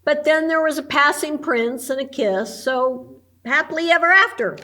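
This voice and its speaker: A woman voicing a flustered fairy-tale woman in charge in a storybook read-aloud, quick to exclaim. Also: high voice, expressive, bright, forceful tone, voice pushed up. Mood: explaining. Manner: exasperated, exclaiming.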